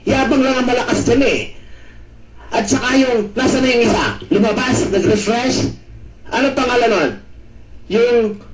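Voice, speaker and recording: A man roasting and taunting others in an online voice chat, swearing constantly and breaking into shouts. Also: extremely high pitch, roomy sound, low-quality recording. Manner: taunting, cursing, mocking, shouting bursts. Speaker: voice chat room regular. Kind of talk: trash-talk roast in voice chat.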